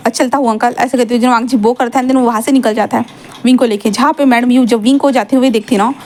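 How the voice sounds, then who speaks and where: A woman's voice: on the high side, steady tone, fast, darkish tone. A woman telling a fan-fiction story in a casual, chatty way, full of fillers and English words mixed in.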